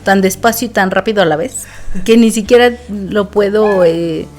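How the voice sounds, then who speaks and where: A woman's voice: mid-range voice, normal speed. A woman, a guest sharing a personal testimony in an earnest, reflective way, with many fillers.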